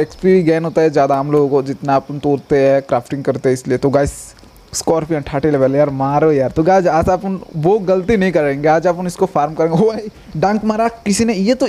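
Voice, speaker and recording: A young man giving casual, rambling gameplay commentary as a gaming YouTuber, talking straight to his viewers and reacting loudly when attacked. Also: a little high, steady tone, fast talker.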